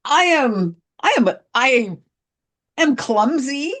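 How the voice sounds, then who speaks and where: A woman's voice: high voice, big pitch swings, slow pace, a bit bright. A middle-aged woman co-hosting a podcast, telling a story in casual chat and laughing at herself. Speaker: podcast co-host.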